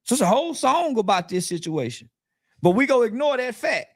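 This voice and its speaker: A man with a notably high voice launches into a defiant interview rant, blunt and profane, circling back to the same points again and again. The sound is dry and close, with almost no room around it. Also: sing-song, fairly quick, dry recording. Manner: profane, blunt, repeats himself; defiant and angry. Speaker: interview guest.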